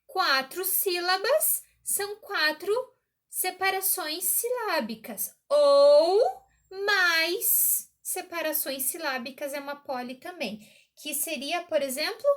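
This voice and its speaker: A woman teacher giving a recorded remote lesson to a child, slow and encouraging, often checking in with the listener. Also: sits high, pushed and bright.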